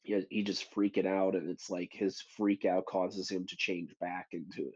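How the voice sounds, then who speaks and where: A man hosting a book club chat, retelling the story in a loose, animated way and acting out quoted lines with sudden high bursts. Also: normal speed, slightly rough. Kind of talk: casual chat. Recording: dull lo-fi audio.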